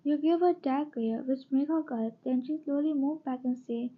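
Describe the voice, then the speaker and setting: Woman, fan-fiction narrator, second-person storytelling, plain reading, high voice, dull lo-fi sound. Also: moderate pace.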